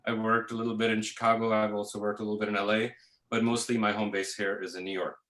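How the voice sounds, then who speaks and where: Male guest, 30s, from Pakistan: easygoing and rambling, bright tone, echoey call audio. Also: lowish voice, quick pace. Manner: relaxed, full of fillers like "uh" and "you know". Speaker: guest, visual effects artist. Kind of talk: casual interview answers.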